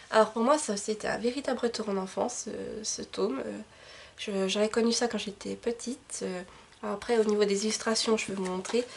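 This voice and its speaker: Husky-voiced young French-speaking woman. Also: on the high side. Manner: chatty, hesitant with many fillers and restarts. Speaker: book vlogger. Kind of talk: casual monthly reading wrap-up.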